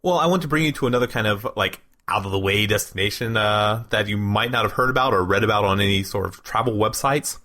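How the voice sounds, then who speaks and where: A man presents a travel segment on a relaxed podcast, sounding enthusiastic. He laughs often and restarts his sentences. His voice sits fairly low. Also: quick pace, hardly any pauses. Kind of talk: casual podcast chat.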